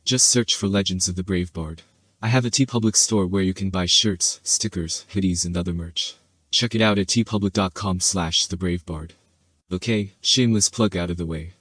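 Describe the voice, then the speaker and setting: Male video host, low register, scripted commentary read, dry recording. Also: no echo. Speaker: video host and fantasy author.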